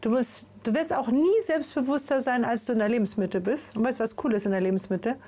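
A woman's voice: on the high side, fast, mellow. A woman talking as a guest in a casual talk show conversation, making her case with passion. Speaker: guest, author.

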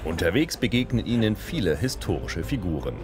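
A man's voice: low voice, very animated, fairly quick, crowd noise. A man reading the scripted narration of a TV feature report. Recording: voice-over with music bed.

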